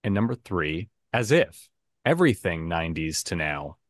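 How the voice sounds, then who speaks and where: Dry, low-voiced playful male host. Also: very animated, moderate pace, no echo. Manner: playful, self-mocking. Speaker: podcast game show host. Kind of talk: casual podcast hosting.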